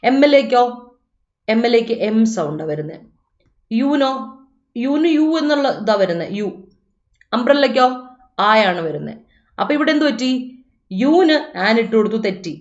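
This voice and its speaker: A woman takes students through an exam coaching lesson. She asks questions and answers them herself, and she reads English example sentences slowly. The sound is dull and roomy. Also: on the high side, very animated. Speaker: teacher.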